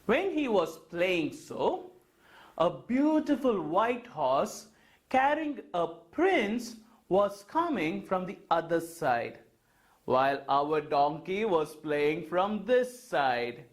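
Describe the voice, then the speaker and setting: A young man telling a story for children in an animated, expressive way. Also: high-pitched, takes it slowly. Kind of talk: storytelling for kids.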